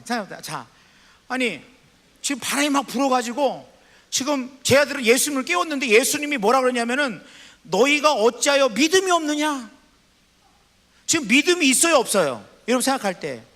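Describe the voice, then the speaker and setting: A man preaching a sermon as pastor, asking the congregation questions and reading scripture aloud slowly. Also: extremely high pitch, sing-song, fairly bright tone, long reverb tail. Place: church sanctuary.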